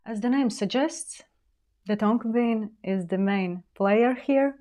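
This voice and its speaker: A woman hosting a perfume channel, with a raspy voice from a cold, describing scents in a soft, unhurried way. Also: a little high. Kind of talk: relaxed perfume review.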